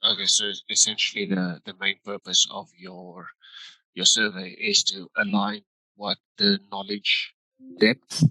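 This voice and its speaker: A man's voice: on the low side, a little slow, gravelly, sharp tone, no echo, rough recording. A man conducting an informal interview, recorded in a busy shared office. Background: busy office background noise.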